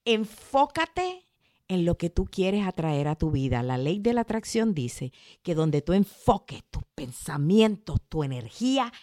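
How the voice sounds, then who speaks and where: A woman hosting a motivational podcast in casual chat, lively, acting out quoted complaints in a raised voice. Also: moderate pace. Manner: animated, acts out quoted complaints in a high voice. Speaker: podcast host.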